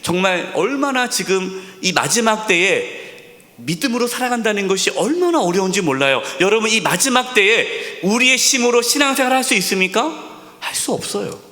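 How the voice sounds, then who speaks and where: A male senior pastor preaching a sermon, asking rhetorical questions, repeating key words, and dropping to a soft near-whisper for emphasis. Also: sits high, sing-song, fairly quick. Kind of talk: sermon at a Friday prayer service. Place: church sanctuary. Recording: long hall reverb in a church sanctuary.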